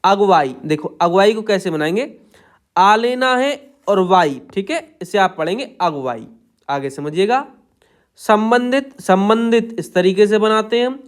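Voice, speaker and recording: A man teaching shorthand, dictating words slowly and repeating set phrases as he writes each one out. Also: sits high, lively intonation. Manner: slow, drawn-out dictation of words. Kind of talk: step-by-step tutorial.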